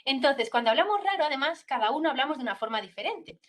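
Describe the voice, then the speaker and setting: A woman's voice: high-pitched, animated, fast, a bit bright. A woman doctor explaining a topic to students step by step, checking in often with her listeners. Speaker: pediatric neurologist giving a talk to students. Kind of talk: explanatory school talk.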